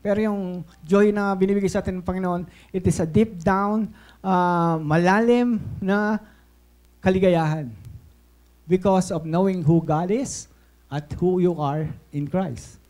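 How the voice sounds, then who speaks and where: A man's voice: high-pitched, measured pace. A Filipino man preaching a sermon as pastor, mixing English into his talk, often checking in with "Okay?" and acting out little scenes. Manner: switches between Tagalog and English, asks "Okay?" often; lively, acts out voices in stories.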